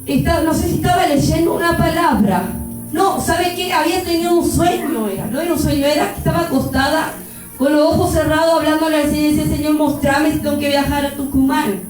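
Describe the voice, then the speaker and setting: A woman with an Argentine accent preaching an impassioned sermon, building into shouted pleas. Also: high-pitched, brisk. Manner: fervent, rising to shouted pleas. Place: church. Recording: very echoey church hall, mic far off, music behind.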